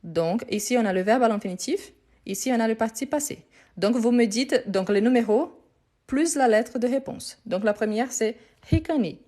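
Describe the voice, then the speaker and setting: A woman's voice: fairly high pitch, animated, moderate pace, dark tone. A woman teaching French in a live online grammar lesson, recorded on her phone, patiently repeating answers and praising students.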